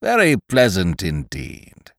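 A stern older gentleman, as a man plays him in a storybook reading, with a low, heavy voice. He speaks slowly and formally, weighing each word. The sound is dry and close. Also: huge pitch swings, dry recording, heavily acted. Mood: pompous. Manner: slow, ponderous, formal. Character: stern pompous older male nerve doctor.

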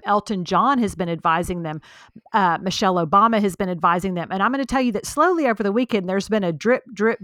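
A woman co-hosting a casual podcast chat, making her points emphatically and laughing as she goes. Her voice sits at an ordinary pitch, and the sound is close and dry with no room echo. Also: a bit bright. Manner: opinionated, emphatic, laughs often. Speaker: podcast co-host.

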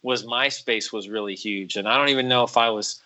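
A man's voice: mid-range voice, fairly quick, sharp tone, low-quality recording. A man on a podcast, a musician, telling a rambling story with many fillers and restarts and acting out quotes in raised voices. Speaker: podcast guest, musician and voice actor. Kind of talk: casual storytelling chat.

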